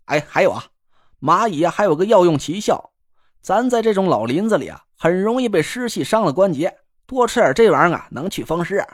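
A man's voice: high voice, very animated, fairly quick, no echo, clean studio sound. A man voicing a cocky, joking young man who teases his friend while cooking. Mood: teasing. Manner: teasing, boastful, chatty slang. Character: cocky joking young male camp cook. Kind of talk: audiobook character voice.

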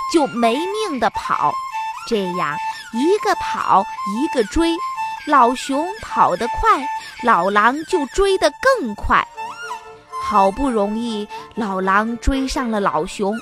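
A woman telling a children's story in an animated, sing-song way. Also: a little high. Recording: music playing behind. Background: background music.

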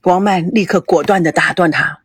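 A woman narrating an audiobook drama in an expressive storytelling manner, recorded on a close mic. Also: fairly low pitch, moderate pace, slightly rough, no echo.

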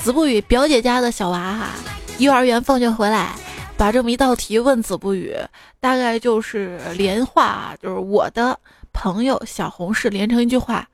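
A woman hosting a show, telling funny stories in a lively, playful way. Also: fairly high pitch, moderate pace. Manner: lively, playful, acts out children's voices. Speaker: host. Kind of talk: comic storytelling. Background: faint background music.

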